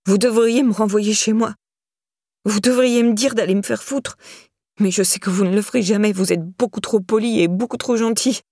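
A woman reading aloud, voicing a distraught young woman who pleads in a higher, shaky voice. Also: moderate pace, a little mellow, no room sound, clean studio sound, close to an everyday voice. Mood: bitter.

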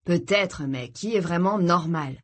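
A woman voicing an easygoing father who muses calmly in a read-aloud story, close to her own voice. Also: on the low side, unhurried. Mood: musing. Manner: calm, musing.

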